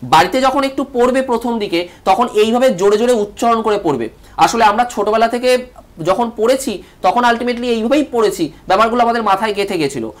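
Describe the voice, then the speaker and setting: A man's voice: very high voice, animated, fairly quick. A man teaching a televised online class, stressing syllables and repeating key words, asking questions and answering them himself.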